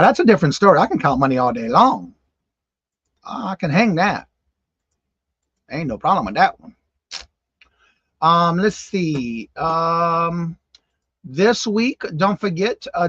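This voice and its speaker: A slightly high, gravelly male voice with a fairly bright tone and a breathy edge belongs to a host in his fifties. On his casual morning live stream he reads comments, addresses viewers by name and exclaims in disbelief. There's no room sound, and the highs are cut off.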